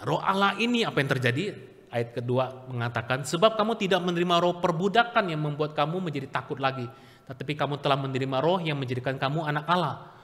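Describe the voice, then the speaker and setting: Man, pastor's sermon, bright and forceful voice, long church reverb. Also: a little high. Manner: lively, swings between loud calls and soft asides; asks the congregation questions. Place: church hall.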